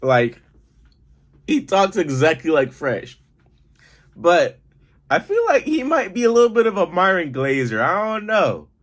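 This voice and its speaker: Slow, amused man reacting. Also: sits high, very animated. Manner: amused, laughing. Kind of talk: casual reaction chat.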